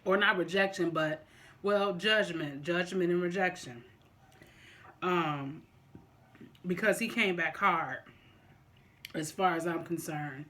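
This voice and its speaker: A mid-pitched vlogger shares opinions casually with viewers. The delivery is slow and deliberate, halting often and circling back to rephrase. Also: pushed and bright. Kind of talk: casual opinion talk to viewers during a mukbang.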